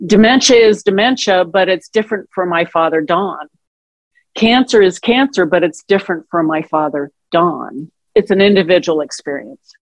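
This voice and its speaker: A woman's voice: lowish voice, moderate pace, no echo. Reflective woman telling caregiving stories. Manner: reflective, acts out quoted dialogue with warmth. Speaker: guest, author and caregiver. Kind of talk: conversational interview storytelling.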